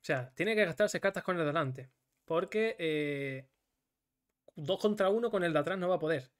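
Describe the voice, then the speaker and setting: A man's voice: fairly high pitch, lively intonation, normal speed. Male streamer, frustrated self-scolding gameplay commentary, heavy swearing. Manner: swears often and scolds himself, in bursts of frustration.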